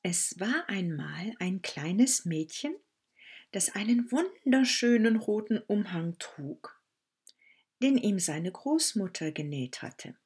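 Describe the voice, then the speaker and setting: A woman telling a fairy tale aloud at an unhurried, deliberate pace. Her voice is soft and breathy, and her pitch swoops up and down expressively with each turn of the story. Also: big pitch swings.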